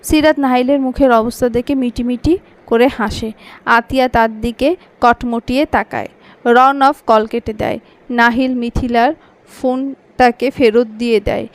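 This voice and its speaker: Woman reading a love story audiobook, steady, expressive, bit high pitched. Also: unhurried.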